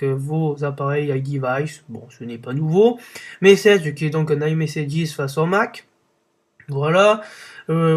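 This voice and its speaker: A young man with a slightly high voice hosts a casual tech podcast. He talks off the cuff, stumbling and restarting often, and sounds unimpressed with what he covers. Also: darkish tone. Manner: hesitant, many fillers and restarts, unimpressed. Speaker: podcast host.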